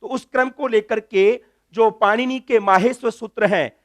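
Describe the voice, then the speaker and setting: A man's voice: high-pitched, normal speed. A man teaching Sanskrit grammar in a classroom lecture, drilling letters one by one and answering his own questions.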